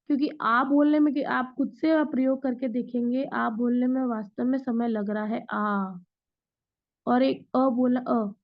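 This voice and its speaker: A woman teaching an online grammar class, explaining patiently step by step with examples. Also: high-pitched. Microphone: video call. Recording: dull lo-fi online class audio.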